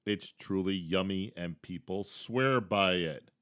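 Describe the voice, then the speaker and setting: A man's voice: low-pitched, slow pace, a bit bright, smooth. A man hosting a podcast, chatting casually and enthusiastically as he gives food tips, often restarting his sentences. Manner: chatty, enthusiastic, repeats words when restarting. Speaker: podcast host. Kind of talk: casual theme-park tips talk.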